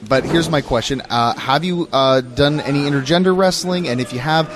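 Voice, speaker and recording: A man's voice: fairly high pitch, a little fast, background noise. A man interviewing a wrestler, asking friendly, rambling questions with fillers. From Canada.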